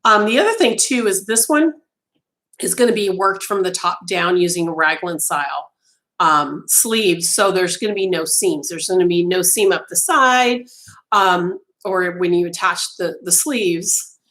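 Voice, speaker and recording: With a lowish, unhurried, somewhat bright voice, a middle-aged woman hosts a livestream from her small home craft room over a webcam despite losing her voice. She chats casually with viewers, talks with her hands, and fills her speech with ums and restarts.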